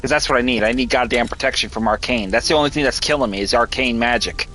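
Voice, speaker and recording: A man's voice: medium pitch, fast, sharp tone. A man streaming a video game, giving live commentary while frustrated, swearing often and stumbling over restarts. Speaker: gameplay streamer.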